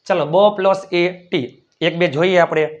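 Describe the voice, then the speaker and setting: A man runs a beginners' English lesson, spelling each word out slowly letter by letter and saying it again and again. His voice sits high, and he keeps checking that his listeners follow. The recording sounds muffled and lo-fi. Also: fairly even intonation. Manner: repeats words and keeps asking "right?". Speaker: English teacher.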